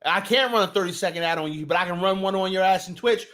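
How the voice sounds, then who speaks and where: A young man from New Jersey, Jersey accent and all, talks fast in a high, fairly bright voice while hosting a casual live sports stream. Loose and profane, he keeps restarting sentences and welcoming his chat.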